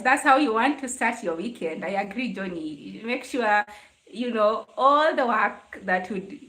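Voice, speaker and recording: Speaking to her viewers in a relaxed live chat, this livestream host is a young adult Kenyan-accented woman whose voice is medium in pitch and fairly bright. She chats, welcomes commenters and responds to them, all captured with a roomy, echoing stream sound.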